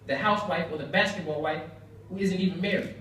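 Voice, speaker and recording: A man's voice: high-pitched, fast, pushed and bright. A young American man delivers a prepared persuasive speech in an earnest, emphatic manner, leaning on rhetorical repetition. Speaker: speaker at a banquet. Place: indoor banquet room, heard from far off. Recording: very echoey room, distant mic, faint noise.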